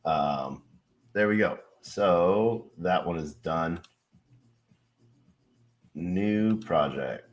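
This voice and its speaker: This crypto content creator runs a laid-back livestream, speaking in a low-pitched voice that's very slow with long pauses. He swears now and then, leans on plenty of fillers, and puts on a hype announcer voice to bring in a guest.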